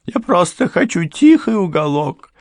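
A man reading an audiobook and voicing a frightened middle-aged woman housekeeper with a high, shrill, tearful voice. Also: very animated, unhurried, gravelly, darkish tone, no room sound, studio quality, full character voice. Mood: tearful pleading.

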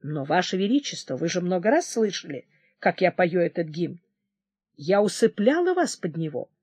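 A reader doing a gentle, soothing nurse. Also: mid-range voice, big pitch swings, moderate pace, breathy edge, dry recording. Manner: soft, soothing. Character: gentle devoted woman singer, the king's nurse. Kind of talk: audiobook character reading.

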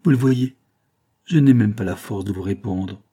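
Male reader doing a proud, wounded young widow, severe and curt; low, husky, dark voice. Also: normal speed, lightly acted. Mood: weary pleading. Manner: sharp and cold, then softening.

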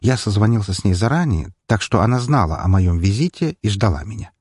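A man narrating a first-person audiobook in a measured, wry storytelling manner. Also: fairly low pitch, lively intonation, a little mellow, slightly rough, no echo, clean studio sound.

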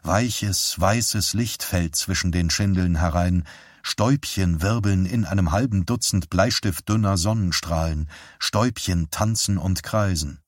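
A man narrating a novel as an audiobook in a calm, measured reading. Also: sits low, dry recording, clean studio sound. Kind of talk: scripted narration.

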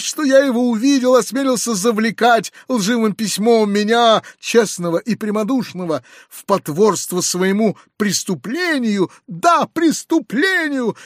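A man doing a shrill, pompous self-righteous hypocrite. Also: no room sound, clean studio sound. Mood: shrieking. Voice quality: shrill and preachy. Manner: haughty, sanctimonious, shrieks when enraged. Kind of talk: audiobook reading.

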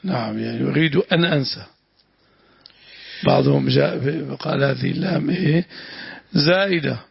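Gravelly husky sheikh teaching. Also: male voice, on the high side, no room sound. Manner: deliberate, repeats phrases, adds short prayers. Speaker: sheikh teaching Quran commentary. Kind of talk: traditional religious lesson, explaining and correcting. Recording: dull, dry lo-fi room recording.

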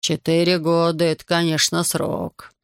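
A man voicing a gruff, suspicious middle-aged army major who talks bluntly. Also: high-pitched, steady tone, normal speed, fairly bright tone, dry recording, clean studio sound. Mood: wary.

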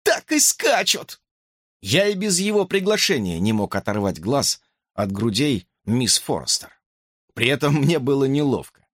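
A man reading a first-person audiobook in a lively, expressive storytelling manner. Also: mid-range voice, no echo, studio quality. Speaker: audiobook narrator.

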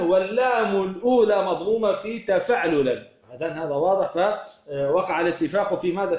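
A man with a high voice teaches grammar patterns, asking questions and answering them himself while he repeats each key form. The sound is dull and muffled and rings in a roomy space. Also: darkish tone. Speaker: teacher of Arabic morphology. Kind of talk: explaining a verse text line by line.

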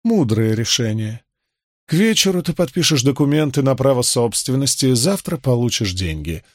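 A man voicing a cold, calculating, smug rich Roman in an audiobook, cool and measured. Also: mid-range voice, very animated, no echo, clean studio sound. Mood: brisk. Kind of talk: audiobook character voice.

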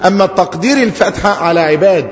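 An Egyptian man gives a classroom grammar lesson in a notably high voice. He draws out each quoted verse slowly and keeps checking with rhetorical questions. The recording is dull and muffled, with long reverb from a big hall. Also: animated. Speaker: Islamic scholar teaching.

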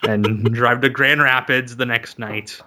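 A man's voice: mid-range voice, steady tone, measured pace, bright, forceful tone. A man chatting casually on a podcast, wry and sarcastic as he jokes along. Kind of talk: casual comedic chat.

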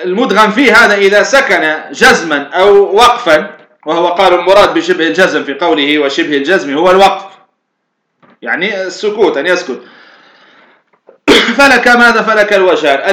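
In an echoey room, a man from Tunisia explains a grammar poem step by step as a teacher of Arabic morphology, posing questions to himself and then answering. His high voice is brisk, pushed and bright.

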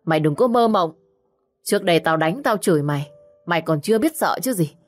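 A woman voicing a fierce widowed village mother who scolds harshly and fast. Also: fairly low pitch, lively intonation, close to an everyday voice. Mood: furious.

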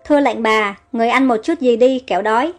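A woman's voice: a little high, fast, close to an everyday voice. A woman voicing a court lady-in-waiting who fusses over her mistress. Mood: deferential. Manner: deferential, fussing. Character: older female lady-in-waiting, fussy and caring.

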